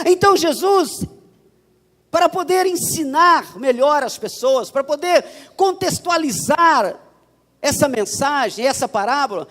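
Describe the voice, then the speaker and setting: A man's voice: very high voice, a bit bright. A man preaching a sermon as a pastor, with a Paulista accent and an emphatic style that repeats phrases. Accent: Paulista Portuguese. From São Paulo, Brazil. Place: church. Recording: church hall reverb.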